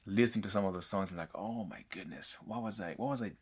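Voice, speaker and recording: A man who grew up in Mozambique and is not a native English speaker, hosting a podcast interview in a casual, halting way with many restarts. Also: low voice, animated, husky. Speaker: podcast host.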